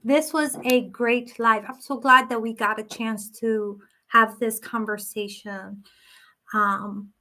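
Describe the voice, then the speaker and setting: A woman hosting a psychic live stream, reading viewer comments aloud and answering them gently and sympathetically in loose, casual talk. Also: on the high side, fairly even intonation, slow pace. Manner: talks in loose, restarting sentences with many fillers.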